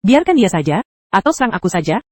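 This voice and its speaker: A woman's voice: medium pitch, big pitch swings, fast, no echo, clean studio sound. A synthetic text-to-speech female voice narrating an anime recap, reading every character's lines in the same voice.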